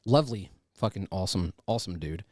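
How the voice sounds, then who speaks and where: A man's voice: sits low, lively intonation, fast, darkish tone, no room sound, studio quality. A man hosting a podcast in casual, profane, slangy chat, often addressing his listeners as guys. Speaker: podcast host.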